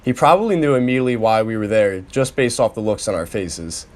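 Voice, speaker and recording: A young man with a fairly low voice reads his own memoir aloud for a class podcast. His delivery is steady and earnest, and his voice drops and softens as each sentence winds down. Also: a little fast. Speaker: student reading a personal memoir. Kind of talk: read-aloud personal narrative.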